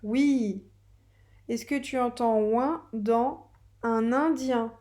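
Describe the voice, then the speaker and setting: Woman teacher, children's reading lesson, slow and patient delivery, mellow warm tone. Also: on the high side.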